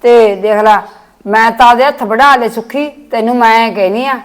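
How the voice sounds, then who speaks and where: A woman's voice: fairly high pitch, normal speed. A woman playing an aggrieved mother who pleads and complains in a family drama skit. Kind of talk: village family drama acting.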